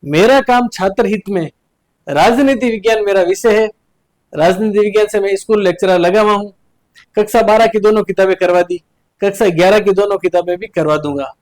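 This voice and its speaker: Man, teacher, high voice, earnest coaching lecture, rhetorical questions. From India.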